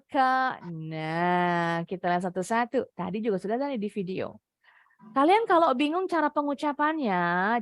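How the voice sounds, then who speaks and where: A young woman from Indonesia teaching an online English class to children, drilling words over and over and coaxing the pupils. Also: fairly high pitch. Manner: drills words, repeats them slowly, coaxing. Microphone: computer mic on a video call.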